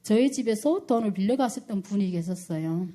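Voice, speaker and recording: A middle-aged woman with a North Korean accent telling her personal testimony, acting out quoted speech loudly with rising intensity. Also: medium pitch, lively intonation, a little fast. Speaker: church deaconess giving testimony.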